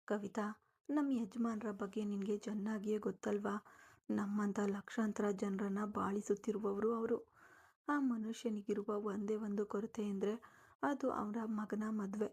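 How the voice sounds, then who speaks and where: Earnest storybook father urging his daughter on, played by a woman narrator, gravelly and husky. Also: medium pitch, level tone, unhurried, a little mellow. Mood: persuading. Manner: earnest, persuading. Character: aging father, earnest and persuasive.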